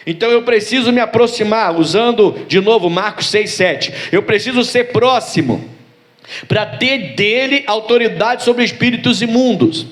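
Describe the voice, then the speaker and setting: Speaking at a normal speed in a high-pitched voice, a male pastor preaches to his congregation. His sermon is built on storytelling with acted voices and rhetorical questions.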